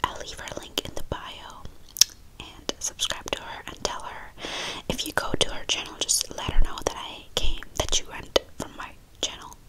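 Girl doing whispered asmr up close, nail taps n mouth sounds, breathy unvoiced whisper, lofi. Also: moderate pace. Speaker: ASMR creator. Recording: lo-fi close-up phone or webcam recording. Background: nail tapping.

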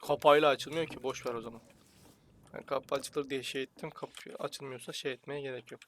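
A young man giving casual, jokey commentary while playing a shooter, swearing at enemies and shouting in sudden bursts. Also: medium pitch, fairly even intonation, fairly quick, a little hiss or hum. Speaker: gaming channel host.

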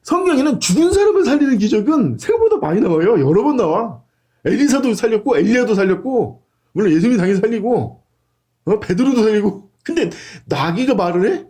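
A man's voice: high voice, very animated, fairly quick, mellow. A man practicing a sermon, blunt and emphatic, using coarse slang and frequent rhetorical questions. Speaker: pastor.

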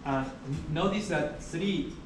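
A young man giving a university lecture in a large hall, explaining steadily with many pauses and uh fillers. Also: a little high. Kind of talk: classroom lecture. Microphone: far camera at the back of the room. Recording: echoey hall recorded from far off, background hiss.

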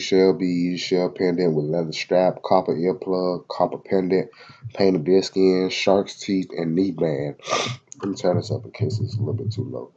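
A male video host sits at home in Florida, reading a website aloud in a casual screen recording with commentary. His voice is low, husky, and mellow but congested from a head cold, and he drops loose, slangy asides and plenty of fillers between passages. The audio sounds dull.

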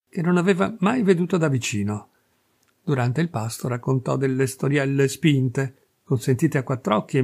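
A man reading a classic short story aloud as an audiobook, with measured, expressive narration. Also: medium pitch, creaky, husky. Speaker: reader.

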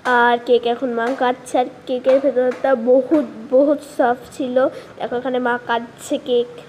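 High-pitched woman vlogger, chatty and casual, some hushed lines, faint noise in the track. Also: flat delivery, a little slow. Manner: quiet, hushed talk to keep a surprise. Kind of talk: casual vlog narration. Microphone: voice-over recorded later.

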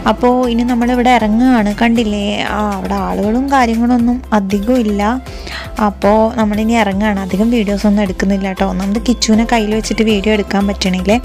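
A woman, a mother vlogging her day in a chatty way, trailing off with soft tag words and coaxing her little son in sing-song baby talk. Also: medium pitch. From Kerala, India. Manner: chatty, repeats soft tags like "kettoo". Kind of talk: casual vlog narration.

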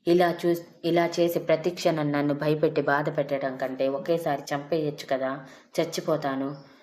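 A frightened young woman, as a woman reads her, pleading and scolding through tears in a storybook. The voice sits low and steady, with little rise and fall. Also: moderate pace, natural voice. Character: tearful frightened young woman, fiercely devoted.

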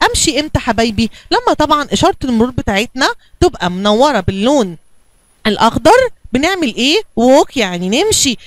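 High lively Egyptian kindergarten teacher. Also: female voice, no room sound. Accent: Egyptian Arabic. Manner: coaxing, asks and answers her own questions. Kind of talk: bilingual classroom lesson for young children.

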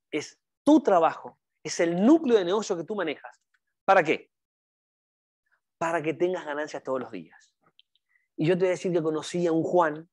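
A man with a highish, darkish-toned voice delivers a motivational network marketing training in seminar style. He speaks emphatically, addresses the audience directly, and repeats his key phrases.

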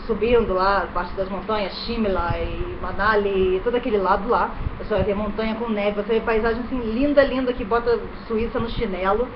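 In her thirties and from Brazil, this vlogger has a Rio de Janeiro accent and a steady, medium-pitched voice. She chats casually to the camera in a bedroom in India, gesturing as she talks and often ending sentences with quick tag questions, and the dull webcam recording includes the noise of an electric fan.

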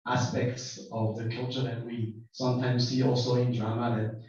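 A man's voice: medium pitch, little pitch movement, normal speed, a little mellow, a little hiss or hum. A man from France with a French accent, hesitantly and thoughtfully asking a question from the audience, searching for words. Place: lecture room, picked up from afar. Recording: distant, very echoey hall, muffled.

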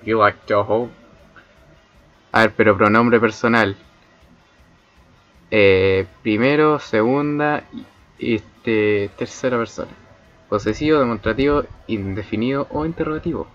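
Chilean guy rambling on a debut stream, crude jokes at chat, kinda low voice, muffled mic. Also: moderate pace, long pauses, fairly bright tone, faint music behind. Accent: Chilean Spanish. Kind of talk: casual debut livestream.

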